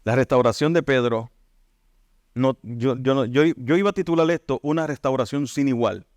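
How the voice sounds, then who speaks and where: A man preaching a sermon as pastor, emphatic, firing rhetorical questions at the listeners and dropping low to read scripture. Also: moderate pace, a little mellow, dry recording, clean studio sound. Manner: emphatic, rising to punch lines then dropping low for scripture.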